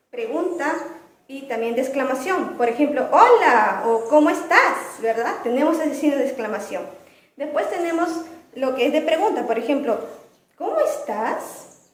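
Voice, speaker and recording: A woman's voice: sits high, darkish tone, roomy sound, poor audio. A young woman, a student, giving a class presentation, explaining topics and posing questions she then answers herself. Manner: explanatory, often asks and answers her own questions.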